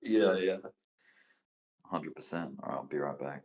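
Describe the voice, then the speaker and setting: A man's voice: very deep voice, normal speed, darkish tone. A man chatting casually from his bathroom, joking and laughing often, with strong bathroom reverb on his voice. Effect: echoey bathroom reverb. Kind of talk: casual chat. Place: bathroom at home. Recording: echoey bathroom, voice off from the mic.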